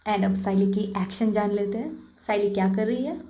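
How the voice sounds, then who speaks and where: A woman's voice: medium pitch, moderate pace, warm tone. A woman narrating a love story in a casual, chatty way, with direct asides to listeners. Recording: echoey room, dull lo-fi.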